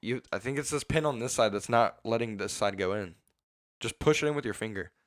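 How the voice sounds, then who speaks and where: A young man guesting on a casual podcast, speaking bluntly and swearing often. His voice sits somewhat low. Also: brisk, dry recording. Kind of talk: casual chat.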